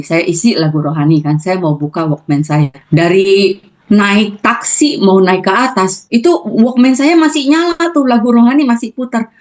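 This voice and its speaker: A woman giving a personal testimony on a video call, telling her story in a lively way and acting out her prayers and conversations. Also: mid-range voice. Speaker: testimony speaker.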